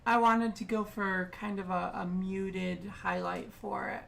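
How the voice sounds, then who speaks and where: A woman's voice: mid-range voice, fairly even intonation, unhurried, creaky, a little hiss or hum. A woman streaming as she paints miniatures, chatting casually with many ums.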